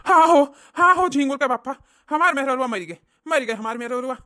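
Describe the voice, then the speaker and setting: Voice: mid-range voice, fairly quick, bright, forceful tone, no room sound, clean studio sound, lightly acted. Voice actor doing a grumbling old village husband. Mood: lamenting. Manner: complaining, plaintive. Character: aggrieved old village husband, self-pitying. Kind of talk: cartoon comedy voice acting.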